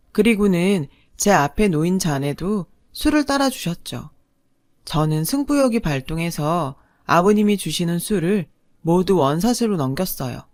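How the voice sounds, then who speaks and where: A woman's voice: fairly low pitch, a little mellow, dry recording, studio quality. A woman telling her own family story in a blunt, frank first-person narration.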